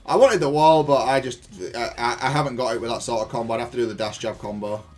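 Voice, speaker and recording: A gaming content creator reviews his own match, giving casual gameplay analysis in an informal, matter-of-fact and self-critical way. His voice is medium-pitched and fast.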